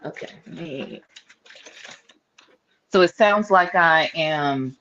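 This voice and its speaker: A woman co-hosting a casual chat over a thin, tinny phone line with no bass. She is playful and laughs often. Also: a bit bright. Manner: playful, laughs often, drawn-out teasing replies. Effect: thin tinny phone-line sound with no bass. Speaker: podcast co-host.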